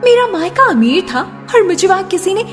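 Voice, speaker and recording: A woman voicing a haughty, hot-tempered rich young daughter-in-law in an animated story, brash, boastful and argumentative. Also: very high voice, fairly quick. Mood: haughty, angry. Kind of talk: Hindi animated moral-story acting. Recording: long reverb, loud background music.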